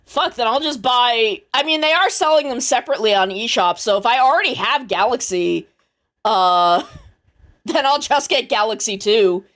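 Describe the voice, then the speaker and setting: A woman's voice: on the high side, lively intonation, moderate pace, fairly bright tone. A woman streamer chatting casually on a live stream, rambling and thinking aloud, swearing now and then.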